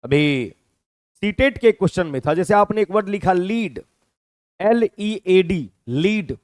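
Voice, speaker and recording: A man's voice: sits high, lively intonation, measured pace, darkish tone, no echo, clean studio sound. A man teaching a vocabulary class with a Hindi accent, explaining step by step and checking in with his students. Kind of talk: classroom lecture.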